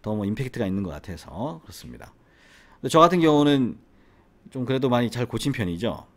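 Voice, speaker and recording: A middle-aged man with a faint trace of a Gyeongsang accent talks straight to the camera as an English academy teacher. His voice sits at an ordinary middle pitch, but his intonation rises and falls a lot. He keeps asking the viewer questions as he makes his points. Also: very animated, fast talker. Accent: faint Gyeongsang Korean. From Gyeongsang region, South Korea. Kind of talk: casual educational monologue to camera.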